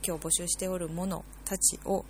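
A woman's voice: lowish voice, flat delivery, moderate pace, darkish tone, slight background noise. A woman hosting a casual solo podcast, rambling with many fillers and self-corrections. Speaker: podcast host.

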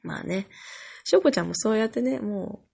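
A woman hosting a podcast, talking casually and amused at herself, her voice hoarse from overuse. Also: mid-range voice, lively intonation, a little fast, darkish tone. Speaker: podcast host. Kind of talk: casual solo podcast chat.

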